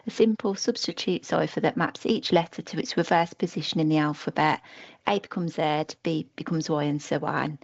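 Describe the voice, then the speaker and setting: A woman's voice: low voice, steady tone, moderate pace, vocal fry, muffled recording. A woman taking part in an online session, carefully reading puzzle text aloud and thinking aloud over a video call. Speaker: session participant.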